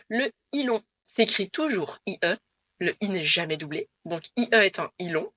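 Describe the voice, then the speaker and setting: A woman teaching Dutch pronunciation to camera, patiently repeating the rules in a clear way. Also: mid-range voice, dry recording.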